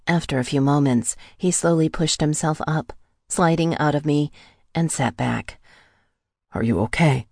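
A woman narrating a first-person romance audiobook in an intimate, breathy delivery. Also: sits low, moderate pace, darkish tone, dry recording, clean studio sound.

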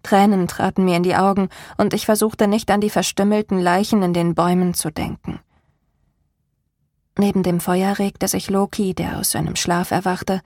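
Husky-voiced woman reading a novel. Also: on the low side, a little mellow, no echo, studio quality. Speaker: audiobook narrator. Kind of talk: first-person novel narration.

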